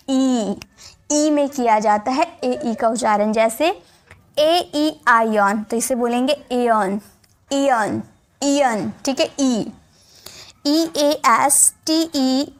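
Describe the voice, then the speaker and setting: A woman teaching English phonics in a spoken lesson, patiently spelling out letters and repeating each word. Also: fairly high pitch. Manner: often checks in with the viewer.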